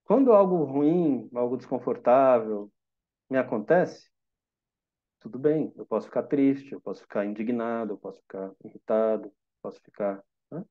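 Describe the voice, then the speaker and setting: Heard through phone-quality audio, a man with a mid-range voice and a Brazilian Portuguese accent speaks at normal speed. He leads a calm, reflective meditation session, teaching with plain examples and questions for those listening.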